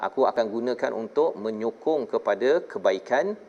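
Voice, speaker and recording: A man's voice: medium pitch, lively intonation, normal speed, darkish tone, lo-fi sound. A man, a religious teacher explaining a scripture story in casual chat, his voice rising animatedly at dramatic moments.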